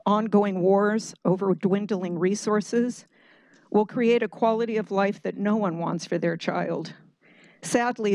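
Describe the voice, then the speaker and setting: A woman's voice: medium pitch, creaky, a little mellow, no room sound, poor audio. A woman who teaches kindergarten gives an earnest, pleading public comment, reading a prepared statement at a board meeting.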